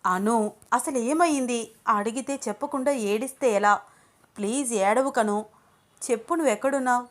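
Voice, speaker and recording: A woman's voice: fairly high pitch, normal speed, voice pushed up, close to an everyday voice. A woman voicing a worried young man, urgent and pleading. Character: anxious young man searching for his beloved. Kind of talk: storybook character voice.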